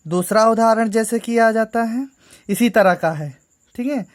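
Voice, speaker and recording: A woman's voice: fairly high pitch, unhurried. A woman teaching a grammar lesson to school students, patiently going through each step and repeating "ठीक है".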